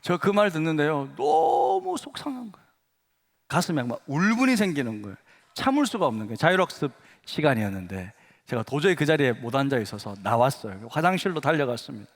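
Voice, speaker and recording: A middle-aged man, senior pastor, preaching a sermon as animated storytelling in a church sanctuary. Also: mid-range voice, quick pace. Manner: animated storytelling, acts out dialogue. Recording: reverberant church hall.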